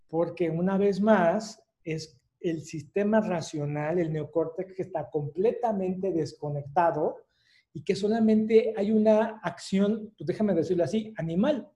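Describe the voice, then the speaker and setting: A man with a Mexican accent gives an online lecture in a high-pitched, warm voice. He explains things step by step, scattering fillers and little rhetorical tag questions throughout.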